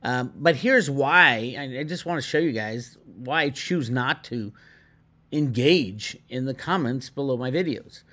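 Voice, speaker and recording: A man hosting his own online video channel, ranting in a casual, animated way with lots of restarts and indignant asides. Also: mid-range voice, unhurried. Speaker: crypto video host. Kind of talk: casual commentary to viewers.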